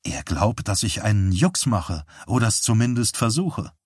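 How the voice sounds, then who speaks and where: A man's voice: fairly low pitch, animated, normal speed, slightly rough, dry recording, clean studio sound. A man voicing a tired, bewildered young man who answers hesitantly. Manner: hesitant, quiet.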